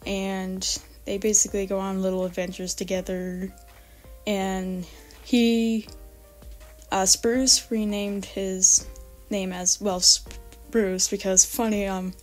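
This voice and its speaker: A woman with a raspy voice giving a casual, informal vlog voice-over about her art, rambling and hesitant as she goes. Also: mid-range voice, level tone, slow pace, a little mellow, faint music behind. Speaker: artist presenting original character redesigns.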